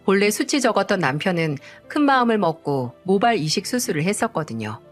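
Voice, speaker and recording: A woman telling a dramatic story in first person, expressive and indignant. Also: lowish voice. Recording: faint music underneath.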